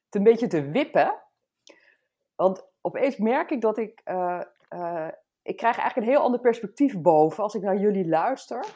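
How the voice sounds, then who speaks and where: A woman with a mellow, slightly husky voice thinks out loud in a relaxed discussion. She speaks from her own office and often pauses to hunt for the right word. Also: medium pitch. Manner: reflective, searching for words. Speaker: discussion guest. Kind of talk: casual discussion.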